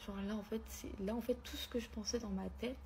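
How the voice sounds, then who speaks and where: A woman's voice: on the high side, fairly even intonation, quick pace, darkish tone, slight background noise. A young woman telling her viewers an emotional story, hurt and angry as she talks. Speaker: content creator.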